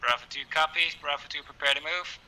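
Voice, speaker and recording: A man's voice: fairly high pitch, quick pace, sharp tone, a little hiss or hum, low-quality recording. A man giving terse military radio callouts, heard over a walkie-talkie.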